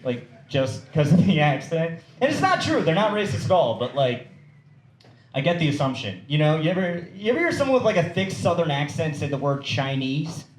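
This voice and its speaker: A young man performing a stand-up comedy set, swearing and throwing quick asides to the crowd. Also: fairly high pitch, very animated. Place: comedy club stage with audience. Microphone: handheld stage mic. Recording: roomy club with crowd noise.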